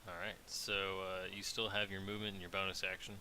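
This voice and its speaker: Bright-toned man running a tabletop game. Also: sits low, a little fast, low-quality recording. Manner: relaxed, rambling with many fillers. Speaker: dungeon master. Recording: faint hiss.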